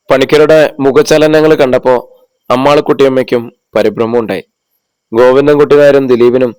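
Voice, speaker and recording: A man narrating a novel as an audiobook, in steady storytelling. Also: mid-range voice, clear, resonant tone, dry recording, poor audio. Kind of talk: scripted narration.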